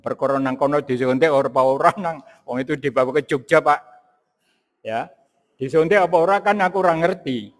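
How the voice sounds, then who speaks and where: A man's voice: fairly high pitch, brisk. An older man with a Javanese accent preaching a folksy sermon, chanting Arabic verses between his stories. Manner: folksy, switching to Arabic recitation. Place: large meeting hall. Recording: long echo of a hall.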